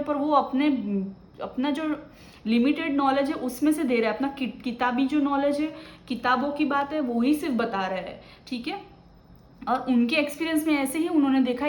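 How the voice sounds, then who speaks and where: A woman with a slightly high, darkish voice gives a tarot reading in an echoey room. She talks casually and offers advice, frequently checking in with the listener and tagging her lines with "ठीक है ना".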